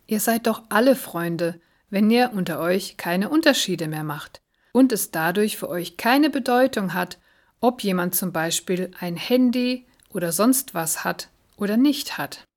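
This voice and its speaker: A woman voicing a gentle, wise animal friend in a storybook reading, explaining calmly and patiently. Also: mid-range voice, unhurried, natural voice. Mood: patient, warm.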